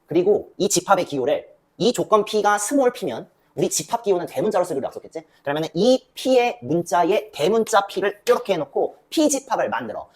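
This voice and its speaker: A young adult woman teaching a math lesson, asking questions and answering them herself. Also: on the low side. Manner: lively, asks and answers her own questions. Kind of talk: classroom lecture.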